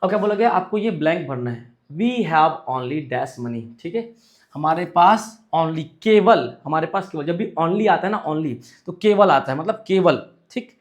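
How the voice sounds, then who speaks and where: A man's voice: a little high, expressive. Hindi-speaking man teaching English grammar. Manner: asks questions and answers them himself; reads English sentences slowly. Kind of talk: exam-prep lesson.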